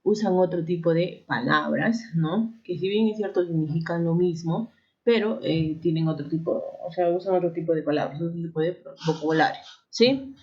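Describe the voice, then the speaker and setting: A woman teacher with a Peruvian accent from Arequipa talks her class through a lesson, tagging nearly every phrase with a quick question to the students. Her voice sits somewhat low, and she often stops to correct herself. The recording sounds dull and lo-fi. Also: mellow. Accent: Peruvian Spanish, Arequipa. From Peru. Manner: frequent tag questions and self-corrections.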